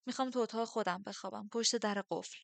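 A woman's voice: on the high side, vocal fry, no room sound, pitched above the performer's own voice. A woman voicing a frightened, stubborn young heroine who sounds tense and uneasy. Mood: insistent.

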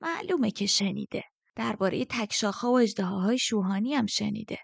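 A woman's voice: mid-range voice, animated, gravelly, a little mellow, slightly rough, dry recording. A woman voicing a stern, scornful old woman mentor who speaks sharply and mockingly in an audiobook.

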